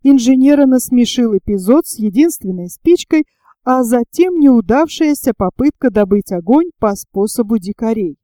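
Woman reading an audiobook, mellow. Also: on the high side, lively intonation, moderate pace, no room sound. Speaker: narrator. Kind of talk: audiobook narration.

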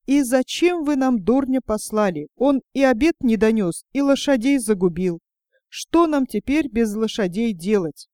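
A woman's voice: a little high, animated, normal speed, darkish tone, no echo, clean studio sound, lightly acted. A woman voicing exasperated elder peasant brothers in a fairy tale, reproachful.

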